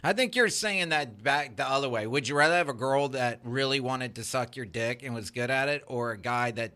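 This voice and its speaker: A man co-hosting a casual podcast chat, eager and quick to laugh, often cutting in. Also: medium pitch, sharp tone. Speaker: podcast co-host.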